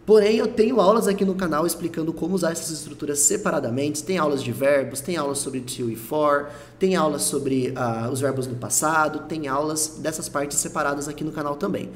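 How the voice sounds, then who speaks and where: A man who speaks Portuguese natively, teaching English in an online lesson, explaining phrases step by step and repeating English words slowly to show pronunciation. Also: a little high, a little hiss or hum.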